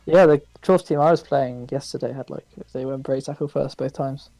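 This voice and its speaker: A man co-hosting a casual podcast chat over a voice call, talking quickly and chattily. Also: mid-range voice, fairly even intonation, creaky, mellow, no echo, soft background music, rough recording. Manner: quick, chatty, laughs easily. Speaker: podcast co-host. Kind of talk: casual chat about a board game.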